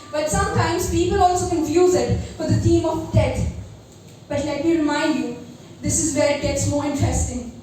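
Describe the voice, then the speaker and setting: A seventeen-year-old young woman giving an earnest, dramatic spoken-word poetry performance at an open mic, with deliberate phrasing. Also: sits high, dark tone. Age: teenager, seventeen. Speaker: amateur poet at a first open mic. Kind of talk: spoken-word poetry recital with personal introduction. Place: live open mic venue, recorded from a distance. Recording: very echoey room, distant mic, faint noise.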